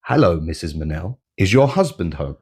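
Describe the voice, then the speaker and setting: A man voicing a calm, smug male captive who speaks with quiet menace. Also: normal speed, slightly rough, heavily acted. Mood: menacing. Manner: low, leaning-in menace.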